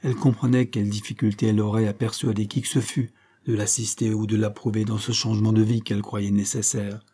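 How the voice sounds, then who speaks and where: Male audiobook narrator, measured literary reading, warm low timbre. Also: little pitch movement.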